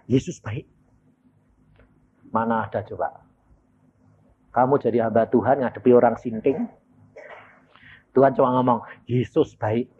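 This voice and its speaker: A man preaching a sermon, telling testimony stories in an animated way and acting out the voices of the people in them. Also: mid-range voice, husky. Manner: animated storytelling, acting out voices, shouting punchlines. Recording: tinny phone-like sound with faint noise.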